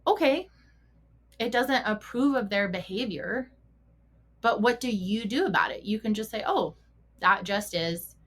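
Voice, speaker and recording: A middle-aged woman who works as a mental performance coach for riders hosts a casual solo podcast, asking rhetorical questions, correcting herself and laughing often. Her fairly high voice has lively intonation, at normal speed with long pauses.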